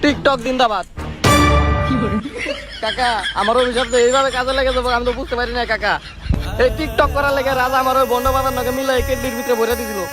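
A man's voice: very high-pitched, fairly even intonation, fast, long pauses, music in the background. A man with a Bangladeshi accent playing a shabby, boastful genie in a comedy sketch, whiny and grandiose in colloquial speech. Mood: aggrieved, pleading. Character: shabby low-budget genie Aladdin, boastful and pleading.

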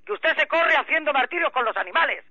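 A man on a landline phone call, furiously yelling insults in a heated argument. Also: very high-pitched, animated, fast talker, no room sound. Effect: heard over a landline phone. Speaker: prank call victim. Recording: muffled noisy phone line.

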